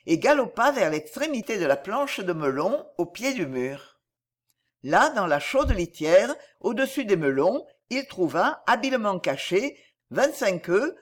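A woman narrating a storybook in an expressive, measured reading style. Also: medium pitch.

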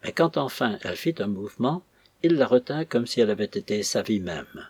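Husky male audiobook narrator. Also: lowish voice, expressive, a little fast, a little mellow, no room sound.

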